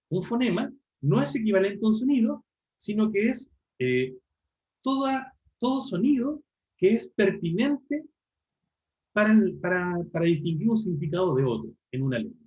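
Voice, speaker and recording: A man's voice: sits high, sing-song, moderate pace, darkish tone, lo-fi sound. A man giving an online university linguistics lecture, explaining step by step with frequent tag questions and self-corrections.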